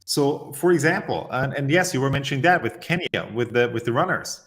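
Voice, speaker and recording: A man from Austria, answering as an interview guest and telling stories emphatically with measured pauses. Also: medium pitch, animated, fairly bright tone.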